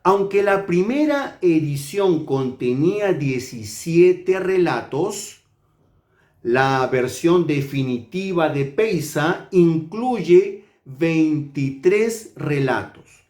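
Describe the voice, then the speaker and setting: Slow, measured Peruvian literature teacher. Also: male voice, fairly high pitch, animated, darkish tone, echoey room. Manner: slow, measured, deliberate delivery. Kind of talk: book review.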